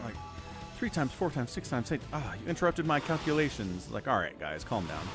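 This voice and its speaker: Animated man casting a game. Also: mid-range voice, brisk, music in the background. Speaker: livestream game commentator. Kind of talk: casual esports commentary.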